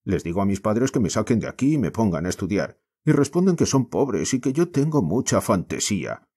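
A restless, despairing mining boy, played by a male audiobook reader with a Spain accent, bursting out in frustration. The voice stays low and husky. Its pitch swings widely as he pleads. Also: sing-song, fairly quick, mellow. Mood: desperate, pleading. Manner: impassioned, frustrated outbursts. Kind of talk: audiobook character reading.

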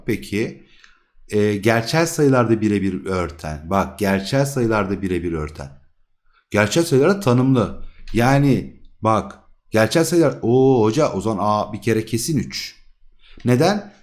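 A man teaching math in a casual, jokey way, working through exam problems and asking the students quick rhetorical questions. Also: medium pitch, darkish tone. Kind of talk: casual problem-solving lesson.

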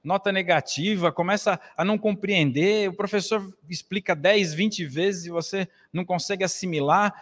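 A man's voice: sits high, normal speed, few pauses, a bit bright. Brazilian man preaching in an echoing hall. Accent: Brazilian Portuguese. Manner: earnest, preaching with wide gestures. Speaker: lecturer at a spiritist center. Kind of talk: spiritist lecture. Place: small hall, standing at a lectern. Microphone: stand mic at a lectern. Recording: long hall reverb.

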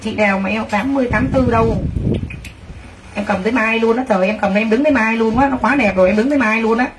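A woman's voice: a little high, fast talker, distant mic. Gushing woman selling clothes on a livestream. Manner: excitable, gushing exclamations, addresses viewers directly. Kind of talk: live selling pitch. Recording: voice from away from the mic, faint background noise.

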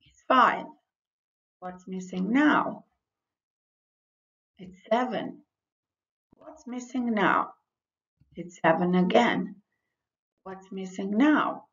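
A woman with a Croatian accent teaching young children to count like a kids show host, in simple repeated phrases with pauses. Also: mid-range voice, gravelly, a bit bright. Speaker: primary school English teacher. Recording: dull lo-fi voice-over.

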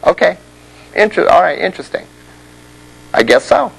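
A man's voice: high voice, very animated, normal speed, creaky, a bit bright, husky, low-quality recording. A man teaching a web development class in a classroom, explaining things conversationally and often checking in with the students. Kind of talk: classroom lecture.

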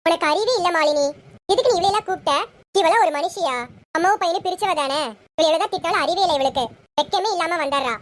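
A performer playing a bossy, angry elder sister in a serial parody skit, scornful and shouting insults. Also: extremely high pitch, quick pace.

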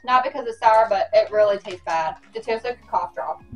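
A woman's voice: on the high side, fairly quick, recorded from a distance, dull audio. A young woman chatting casually as host of a challenge video while eating sour candy. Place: dining room at home. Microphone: camera across the table. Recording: off-mic table talk, faint music.

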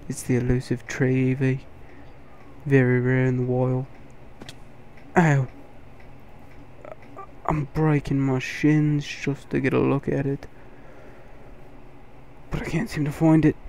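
A man putting on the voice of a male wildlife documentary presenter, narrating in a hushed, dramatic way and calling his listeners mates. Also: on the high side, steady tone, measured pace, a little hiss or hum, lightly acted.

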